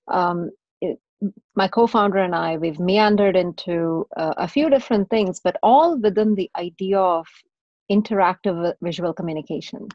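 A woman from India, a tech entrepreneur, answering interview questions in a measured, explanatory way. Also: fairly low pitch, darkish tone, no echo, highs cut off.

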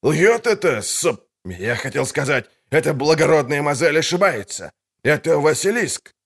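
Male narrator doing a boastful pockmarked showman, gravelly and barking, for a storybook reading. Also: on the high side, sing-song, moderate pace, pitched above the performer's own voice, heavily acted. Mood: indignant. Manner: barking, folksy huckster patter. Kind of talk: audiobook character voice.

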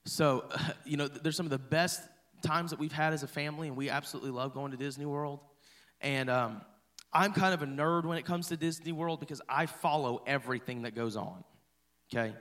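A man in his thirties preaching in a loose, chatty way, joking with the congregation as he tells a story. His voice sits a little high for a man. He sounds like a pastor in a church. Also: brisk, a bit bright. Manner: chatty and playful, talks to the congregation. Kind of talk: sermon storytelling. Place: church hall.

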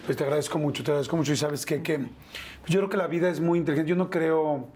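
A man conducts an interview, speaking gently and reflectively with frequent fillers. His voice is on the high side for a man, and there is a faint noise under the recording. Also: fast. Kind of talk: conversational interview.

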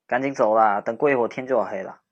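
A young man performing a role-play audio drama as a sharp-tongued, teasing childhood friend who softens into comforting, speaking with a lilt. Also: medium pitch, racing, highs cut off, a little hiss or hum. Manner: teasing, snarky, then gently soothing.

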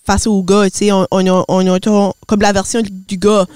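A woman's voice: medium pitch, level tone, a little mellow, clean tone, dry recording. Québécois woman podcast co-host, casual and reactive, dry close sound. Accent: Québécois French. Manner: quick reactions, English exclamations mixed into French. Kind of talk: casual chat.

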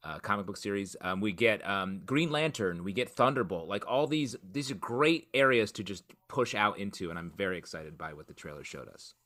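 A man's voice: on the low side, lively intonation, brisk, few pauses, a bit bright. A man on a casual panel chat, jokey, riffing and tossing off silly put-on voices. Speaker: podcast panelist.

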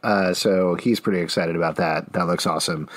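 A man's voice: low-pitched, fairly even intonation, a little fast. A middle-aged man hosting a show, reading out audience questions and chatting casually. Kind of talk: casual chat.

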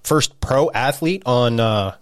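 A man's voice: medium pitch, slow pace, clear, resonant tone, no room sound, studio quality. A man in his forties co-hosting a podcast in easygoing, crude banter, laughing often and swearing. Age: 40s. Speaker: podcast co-host.

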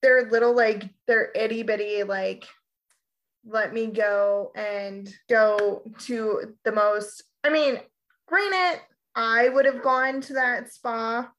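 A woman co-hosting a podcast in casual chat, sarcastic and animated, swearing freely. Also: on the high side, slow pace, highs cut off. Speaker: podcast co-host.

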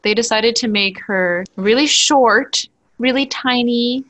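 A woman's voice: on the high side, takes it slowly, fairly bright tone. A young woman hosting a podcast in casual chat, talking loosely with lots of fillers and frequent laughter. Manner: chatty, laughs often, many "like" fillers. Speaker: podcast host.

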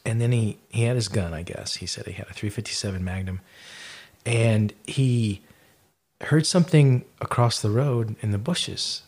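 A man's voice: lowish voice, normal speed, darkish tone. A man hosting a podcast, casually retelling eyewitness stories in a rambling way, with lots of fillers and restarts. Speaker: podcast host.

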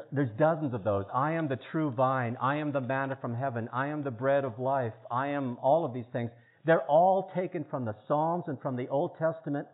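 A man explaining a religious argument in earnest, casual talk, stressing key words and often repeating himself. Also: mid-range voice. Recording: tinny phone-like line.

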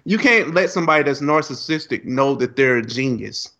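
A man co-hosting a casual podcast chat, blunt and animated, laughing often and swearing freely. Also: mid-range voice, brisk, lo-fi sound. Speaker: podcast co-host.

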